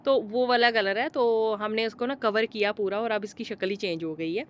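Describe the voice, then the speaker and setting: A woman's voice: medium pitch, normal speed. Chatty homely woman vlogger. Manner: chatty, homely, with many fillers. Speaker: vlogger, homemaker and mother. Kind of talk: casual vlog voice-over.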